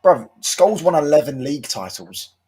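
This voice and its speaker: Husky man arguing hard. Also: fairly high pitch, big pitch swings, moderate pace, dark tone, soft background music. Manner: argumentative, repeats himself to take the floor. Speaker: stream panelist. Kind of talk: heated casual debate.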